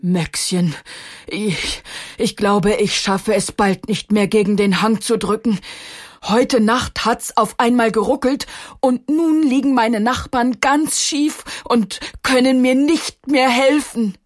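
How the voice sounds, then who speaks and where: A woman voicing a big, heavy male stone with a gruff, grumbling but friendly manner in a children's story. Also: fairly high pitch, takes it slowly, pitched above the performer's own voice. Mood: exhausted.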